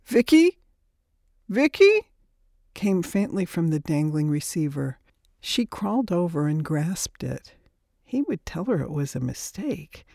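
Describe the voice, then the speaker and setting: A woman narrating a novel in a measured, steady reading voice. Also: low-pitched, gravelly, no echo, studio quality. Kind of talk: audiobook narration.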